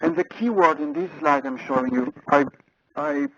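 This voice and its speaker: An Italian man with an Italian accent gives a webinar through a phone handset, the line muffled, speaking hesitantly with many fillers and repeated words. His voice is a little high, sing-song, creaky and fairly bright, at a moderate pace with no room sound.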